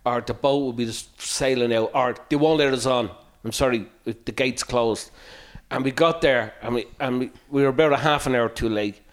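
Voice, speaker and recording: A man's voice: mid-range voice, brisk, few pauses. An Irish man telling a story in a casual, conversational chat.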